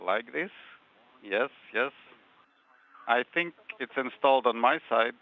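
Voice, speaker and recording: A man giving calm, brief step-by-step instructions over a space-to-ground radio link. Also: mid-range voice, takes it slowly. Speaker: spacewalk crew radio communicator. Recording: tinny narrow-band radio transmission.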